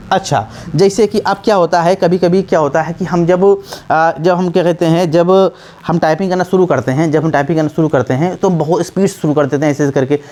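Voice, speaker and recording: With a fairly high, slightly mellow voice, a man gives a casual typing tutorial. He repeats himself, uses lots of fillers and restarts, and often checks that the listener is following.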